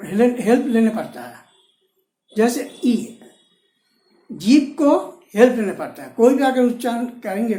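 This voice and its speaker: A woman's voice: fairly high pitch, warm tone. Woman teaching, echoey room. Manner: explains slowly, mixing Hindi with Bengali and English terms. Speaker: stenography teacher. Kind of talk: classroom lesson.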